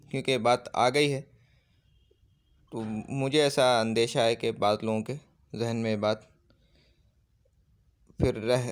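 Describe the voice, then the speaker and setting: A man teaching Arabic grammar, patiently repeating points and checking whether his listeners have understood. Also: medium pitch. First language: Urdu. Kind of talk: classroom lesson.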